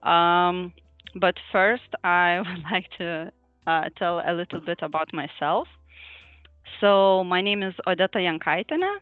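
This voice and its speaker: This Lithuanian woman's voice sits on the low side and moves a little slowly as she hesitantly presents to an online user group, laughing softly between frequent fillers. The video call audio is echo-free, dry and thin, with a trace of music.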